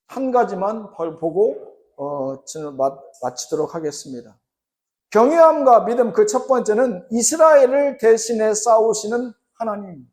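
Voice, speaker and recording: A man's voice: high voice, darkish tone. A male pastor preaching a Sunday sermon, asking the congregation rhetorical questions and rising to emphatic passages.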